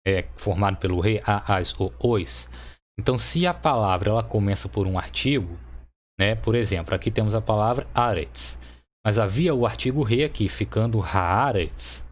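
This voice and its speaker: Brazilian male teacher, lowish voice, patient step-by-step explainer, muffled lo-fi recording. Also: animated, moderate pace. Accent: Brazilian Portuguese. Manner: explanatory, checks understanding with tag questions. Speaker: Hebrew teacher. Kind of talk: recorded grammar lesson. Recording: dull lo-fi recording.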